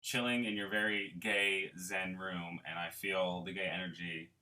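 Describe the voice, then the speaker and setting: A man's voice: low-pitched, flat delivery, measured pace, sharp tone, rough recording. A man in his twenties on his first podcast as a guest, giggly and playful, chatting casually in the host's decorated room. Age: 20s.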